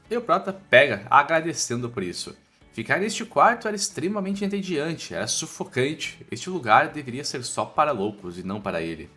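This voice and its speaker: Over a music bed, a Brazilian-accented man recaps a story from a script, sounding informal, slangy and irreverent. His voice is fairly high and bright, with a forceful tone.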